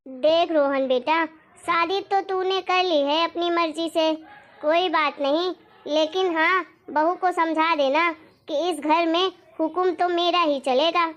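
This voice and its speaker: A woman voicing a domineering, quick-tempered middle-aged mother-in-law in a cartoon story, taunting and scolding. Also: steady tone, a bit bright, dull audio. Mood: stern. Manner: taunting, bossy, shrill scolding.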